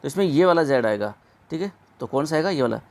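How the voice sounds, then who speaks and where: Male tutor, a touch high-pitched, patient exam-prep lesson, slow stretched repetitions. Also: lively intonation, darkish tone. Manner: repeats words slowly and drawn out. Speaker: teacher.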